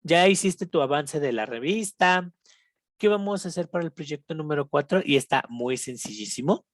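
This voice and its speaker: With lively intonation in a mid-range voice, a Mexican English teacher patiently leads a recorded online grammar lesson. The recording is dry and close. She alternates between Spanish and slowly spoken English examples, repeating each one and checking in with students along the way.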